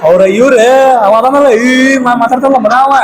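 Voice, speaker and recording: A young man with a North Karnataka accent, acting a husband in a comedy sketch, loud and excitable, often shouting. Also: very high voice, brisk, echoey room, very noisy. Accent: North Karnataka Kannada.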